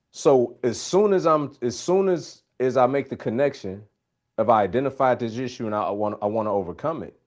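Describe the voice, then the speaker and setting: A man hosting a live Q&A, talking emphatically in a preacherly coaching style and repeating his key phrases. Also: medium pitch. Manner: preacherly, faith-based coaching. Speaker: host. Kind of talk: live Q&A talk.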